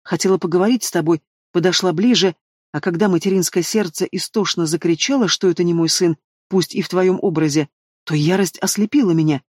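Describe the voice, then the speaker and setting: A man's voice: high voice, a little mellow, no room sound, clean studio sound. A man voicing an anxious, loving dragon mother who speaks in a pleading, tremulous way.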